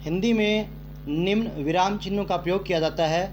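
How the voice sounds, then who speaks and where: A man teaching a grammar lesson to children, speaking slowly and repeating phrases for emphasis. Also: sits high, a little hiss or hum. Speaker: Hindi teacher.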